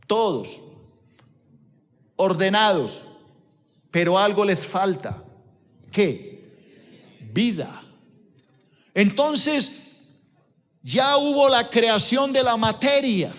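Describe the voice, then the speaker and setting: High-voiced preacher with hall echo. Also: male voice. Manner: emphatic, questions the congregation. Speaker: pastor. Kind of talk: sermon. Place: church auditorium. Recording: long reverb of a church auditorium.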